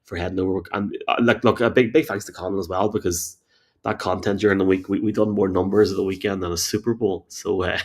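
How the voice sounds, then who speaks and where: An Irish man hosts a live sports podcast. His voice sits a little on the low side. He talks casually and conversationally. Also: fairly even intonation, fast. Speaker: podcast host.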